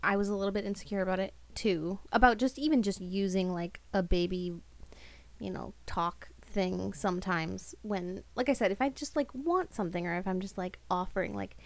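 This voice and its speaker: A woman's voice: mid-range voice, moderate pace. Woman, podcast co-host, casual chat, chatty, filler-heavy.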